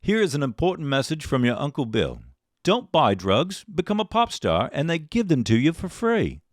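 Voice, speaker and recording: A man doing a cheeky, washed-up British pop star with a wobbly fake British accent, lifted well above his usual pitch. The delivery is a mock-sincere public service message, and the sound is dry and close. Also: huge pitch swings, normal speed, no room sound. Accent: put-on British accent, poorly done.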